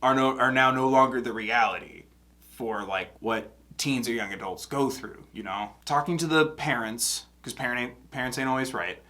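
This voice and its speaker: A young man with a congested nose hosts a music reaction video, musing casually and rambling with lots of fillers and restarts. His voice is medium-pitched with a sharp tone, and he talks at normal speed.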